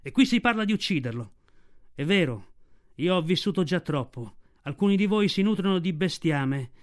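A man's voice: on the high side, smooth, close to an everyday voice. A man doing a weary, dignified old wolf. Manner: slow, solemn and measured.

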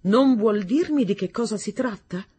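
A woman's voice: mid-range voice, normal speed, warm tone, husky, voice pushed up. A woman doing a fervent male singing teacher. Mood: gentle. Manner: fervent, coaxing.

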